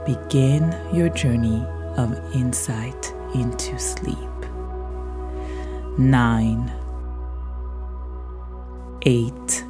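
A woman guiding a sleep meditation like a slow soothing countdown, hushed and trailing off toward a whisper, as a podcast host. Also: a bass voice. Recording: soft music behind the voice. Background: soft music.

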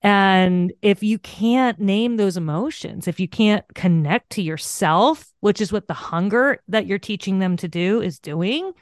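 A woman's voice: mid-range voice, measured pace, hardly any pauses, no room sound, clean studio sound. A woman podcast host and coach, chatting casually and animatedly in an interview, telling stories about herself and laughing often. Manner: animated storyteller, self-deprecating, laughs often.

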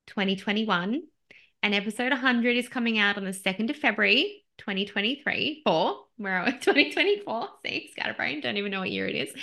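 A woman's voice: on the high side, sharp tone. A woman in her thirties, a podcast host sitting as the guest, talking candidly and laughing often at herself in a conversational interview.

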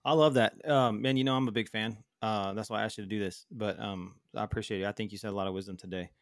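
Male podcast co-host: low, gravelly, flat voice, quick and casual. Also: no echo, clean studio sound. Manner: affirming listener, short backchannels, casual slang.

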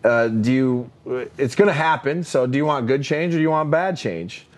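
A man's voice: mid-range voice, lively intonation, normal speed. A man co-hosting a leadership podcast, talking emphatically with many fillers and "right?" tags. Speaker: podcast co-host, leadership coach. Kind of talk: casual leadership podcast chat.

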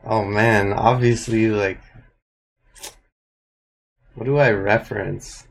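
Young Canadian man, music producer guest; low register, laid-back, rambling with ums and likes. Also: takes it slowly, creaky, poor audio. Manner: relaxed, thinks aloud with many fillers. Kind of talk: casual interview answers.

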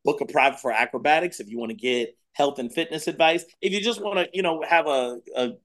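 A man in his thirties, a dance acrobatics coach chatting as a podcast guest, telling stories with animated energy and repeating phrases for emphasis. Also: on the high side, quick pace. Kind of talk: casual interview chat.

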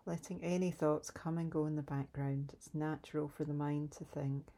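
A woman leading a calm guided grounding exercise in a soft, soothing, unhurried way, pausing between instructions. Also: deep voice. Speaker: meditation guide.

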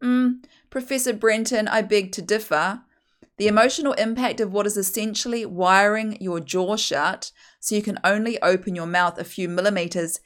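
A woman with a broad New Zealand accent hosting a casual solo podcast in a blunt, opinionated, emphatic way. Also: medium pitch. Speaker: podcast host.

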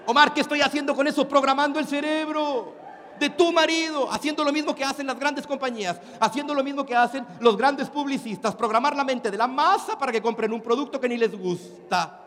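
A man's voice: very high-pitched, brisk, fairly bright tone, a little hiss or hum. A man with a Mexican accent giving a live motivational talk. He speaks emphatically, throws questions at the audience and uses crude slang. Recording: long hall reverb, faint ambience.

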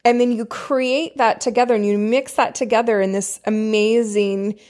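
A woman's voice: fairly high pitch, fairly even intonation, normal speed, darkish tone. Emphatic woman podcast host. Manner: chatty, emphatic, addresses listeners with pet names. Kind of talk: spiritual self-help podcast talk with read-out book passages.

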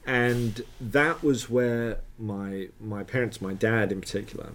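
Low-voiced man telling rambling stories. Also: steady tone, measured pace, a bit bright. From South Florida, USA. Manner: rambling, anecdotal storyteller with dry jokes. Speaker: podcast co-host. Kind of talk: casual chat.

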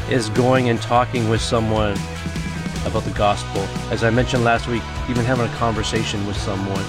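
A man preaching a casual, earnest sermon as pastor, talking conversationally with everyday slang and reading scripture aloud. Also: mid-range voice.

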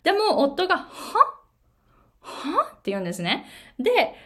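A middle-aged Japanese woman speaks very fast in a high voice. She coaches English pronunciation in a casual video lesson, telling stories with lots of animation and switching between Japanese and English.

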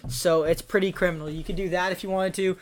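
A young man hosting a casual podcast from a small studio, reading out listener questions in a relaxed way. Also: high voice, fast talker. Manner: laid-back, reads out listener questions. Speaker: podcast host. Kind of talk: casual chat.

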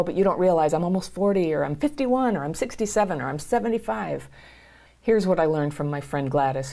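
A woman with a low, gravelly voice talks straight to her viewers as a trauma healing coach. Her tone is mellow and earnest, and she encourages them with the odd soft laugh. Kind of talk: direct-to-camera self-help talk.

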